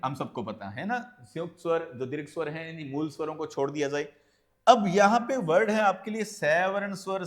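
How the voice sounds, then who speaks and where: A man with a slightly high voice teaching an exam-prep lesson at a close mic. He asks and answers his own questions and keeps checking in with the class as he walks through each point. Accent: Hindi. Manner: calls listeners friends, often adds "right?".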